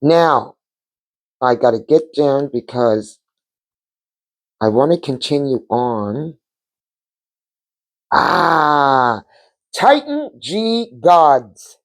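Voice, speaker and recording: This woman's pitch is extremely low, and she speaks very slowly in a sing-song way, with long pauses. Hosting her own vlog from the couch, she offers casual spiritual talk that's heartfelt and repetitive for emphasis.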